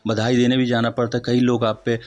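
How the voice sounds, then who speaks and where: A man interviewing a guest, asking polite questions in a somewhat halting way. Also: mid-range voice, little pitch movement, a little mellow, highs cut off. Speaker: interviewer, local reporter.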